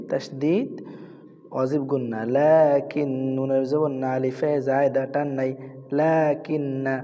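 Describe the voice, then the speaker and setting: A man teaching Quran reading in a madrasa, spelling out letters and slowly chanting each verse. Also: mid-range voice. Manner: slow drawn-out chanting of verses, then quick spelled-out rules. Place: madrasa with children's noise around. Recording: lo-fi with long hall reverb.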